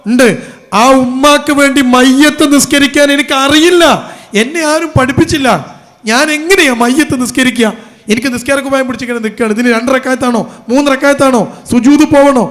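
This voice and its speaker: A man's voice: sits high, brisk, pauses often, in a large hall, close to an everyday voice. A man voicing a grieving young woman student who pleads in rising questions during his sermon. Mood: distraught pleading.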